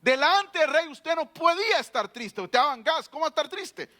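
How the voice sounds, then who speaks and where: A man's voice: very high voice, very animated, normal speed, sharp tone. A man preaching a sermon as pastor, emphatic and full of repeated rhetorical questions.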